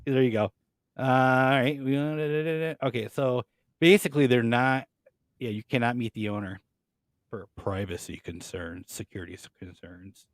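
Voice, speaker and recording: Guy reading sale listings out loud and cracking up, dry close sound. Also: mid-range voice, moderate pace, no echo. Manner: reads listings aloud, laughs often. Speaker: co-host. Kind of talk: casual mocking chat.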